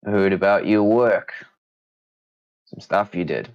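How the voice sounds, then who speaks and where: A man's voice: low-pitched, unhurried, muffled recording. A man voicing a small streetwise halfling fixer in a breezy, matey, conspiratorial way for a tabletop game. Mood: confiding.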